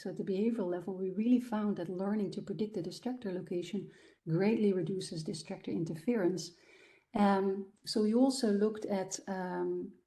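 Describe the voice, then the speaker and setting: A woman's voice: medium pitch, mellow. A woman giving an academic lecture about her research findings, explaining step by step with frequent ums and restarts. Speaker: guest lecturer.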